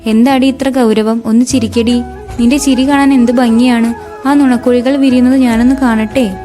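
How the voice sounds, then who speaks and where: A smooth-talking man with a sly, coaxing sweetness, voiced by a woman in a spoken story. The voice sits high with a soft, mellow tone. Faint music plays underneath. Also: fairly even intonation, moderate pace, close to an everyday voice. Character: sly, flattering grown man teasing a girl.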